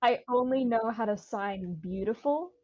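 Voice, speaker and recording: A woman's voice: on the high side, unhurried, darkish tone, no room sound, muffled recording. A woman speaking in a hesitant, stop-start way, repeating words as she checks her own facts. Her voice comes through dry and close, with no room sound around it. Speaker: author of the fan fiction. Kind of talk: casual voice chat.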